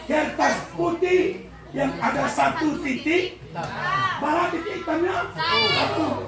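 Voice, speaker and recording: A man with a Minangkabau accent giving a lively religious talk at a school event, quizzing the audience and often shouting and laughing. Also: very high-pitched. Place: large indoor hall with an audience. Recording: echoey hall, far from the mic, with a crowd and noise.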